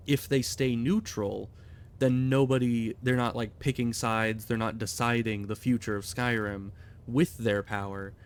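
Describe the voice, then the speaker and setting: A man's voice: medium pitch, clear, resonant tone. Rambling male gaming streamer. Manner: rambling, thinking aloud, many restarts. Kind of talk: casual gameplay commentary.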